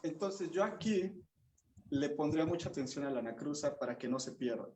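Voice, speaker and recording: A man's voice: on the high side, animated, fairly quick, a little mellow. Man teaching, singing out rhythms. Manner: sings rhythms and note names to demonstrate; patient, encouraging. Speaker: bassoon teacher. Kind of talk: masterclass instruction.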